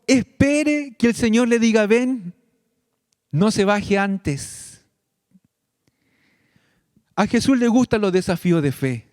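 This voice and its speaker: Man preaching a sermon, mellow voice, dry close sound, slow and earnest. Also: high voice, no room sound. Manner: slow, earnest preaching addressing the congregation directly. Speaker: pastor.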